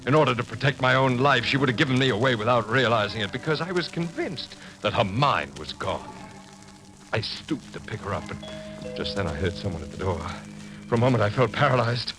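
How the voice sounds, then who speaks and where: An actor voices a tormented, murderous husband in a dramatic, deliberate 1940s radio style, moving from cold determination to panic and stammering when frightened. His medium-pitched male voice is animated yet close to everyday speech, and the mood is grim and confessional across first-person narration and dialogue. It's an old, poor-quality radio recording with music behind.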